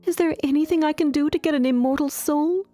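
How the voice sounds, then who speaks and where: A woman voicing a young mermaid princess in a high, pleading, timid voice. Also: fairly quick, dark tone, faint music behind, lightly acted.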